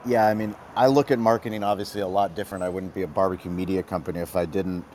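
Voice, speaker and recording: Emphatic, energetic man with a mellow voice. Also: deep voice, quick pace, slight background noise. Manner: energetic, emphatic, repetitive phrasing. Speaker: restaurant marketing guest speaker. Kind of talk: motivational panel talk.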